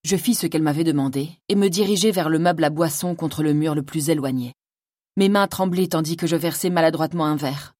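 Woman narrator, low-pitched, measured and dramatic, dry close sound. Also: a little mellow, no echo. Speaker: audiobook narrator. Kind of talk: scripted first-person fantasy narration.

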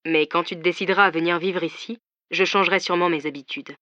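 A woman voicing a tender, confident man who courts his partner by phone, hushed and soft in an audiobook reading. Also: fairly low pitch, fairly even intonation, fast talker, no room sound, lo-fi sound.

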